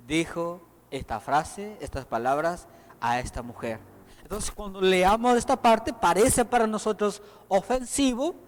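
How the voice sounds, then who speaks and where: A man from El Salvador preaching a sermon in a church, animated and acting out the voices he quotes. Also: sits high. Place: church hall. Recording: long reverb of a church hall.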